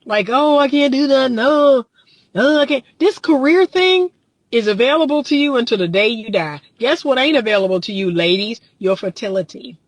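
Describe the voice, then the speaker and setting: Here the same kind of speaker appears: a woman in her thirties who coaches on relationships, chatting bluntly from her car while going through viewer comments with frequent laughter. She sounds a little high and animated at a normal speed, with no room sound.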